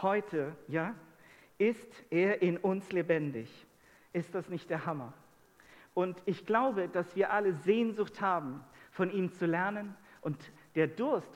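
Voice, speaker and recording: A man with a high voice preaches a sermon, putting question after question to his listeners. His voice rings out with a long reverb in a church hall. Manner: asks the congregation many rhetorical questions.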